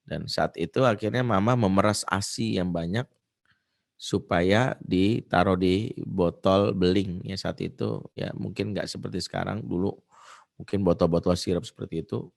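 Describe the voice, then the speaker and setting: A man's voice: deep voice, normal speed, creaky. A man, a preacher and counselor, giving a conversational religious talk with stories, dotting his lines with "ya". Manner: conversational, with frequent filler "ya". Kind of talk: religious study talk with storytelling.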